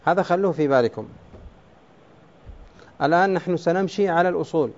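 A man's voice: fairly high pitch, expressive, fairly quick, darkish tone. A man teaching a class on Arabic prosody, explaining step by step and quizzing his students with questions. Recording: dull lo-fi classroom recording.

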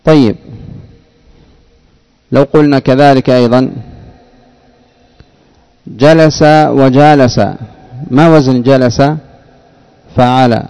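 A man teaching a classroom grammar lesson, speaking slowly, repeating words and quizzing his students. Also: medium pitch, fairly even intonation, dark tone, smooth, low-quality recording.

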